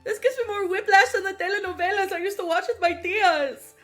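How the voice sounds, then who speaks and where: A woman's voice: a little high, normal speed, faint music behind. An actress playing an emotional young woman who reads a story aloud and is easily moved. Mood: tearful. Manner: expressive, easily moved to tears. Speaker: story reader.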